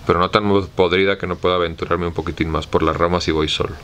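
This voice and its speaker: A man with a Mexican accent reading the part of a simple, fearful male servant in an audiobook, in a slow, plain way. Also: low-pitched, flat delivery, fairly bright tone, a little hiss or hum. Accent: Mexican Spanish.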